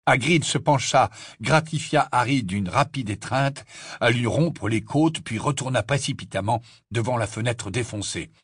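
A man reading a fantasy novel aloud in steady, measured scripted narration. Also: mid-range voice, slightly rough, no room sound, clean studio sound. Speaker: audiobook narrator.

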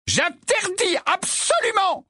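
Guy doing a loud squeaky protective mom, husky, pitch all over the place. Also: big pitch swings, moderate pace, no echo, clean studio sound, exaggerated voice. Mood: commanding. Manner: shrill, loud and pleading. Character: fierce protective mother, middle-aged woman.

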